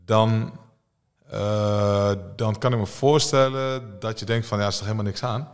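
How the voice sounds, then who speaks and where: A man's voice: fairly low pitch, fairly even intonation, unhurried, in a large hall. A man who is a fight coach and former fighter, talking casually in an interview and explaining earnestly with repeated examples.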